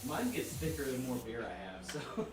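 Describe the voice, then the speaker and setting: A man's voice: medium pitch, big pitch swings, brisk, recorded from a distance. A man chatting casually as a guest on a live stream. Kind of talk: casual chat. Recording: roomy, off-mic, clear background hiss.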